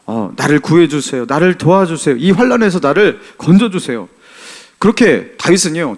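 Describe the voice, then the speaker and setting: A man preaching in church, his pitch rising and falling in wide swings as he questions the congregation. He sits a little higher than most men. He reads scripture and acts out small scenes between the verses. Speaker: pastor. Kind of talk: sermon.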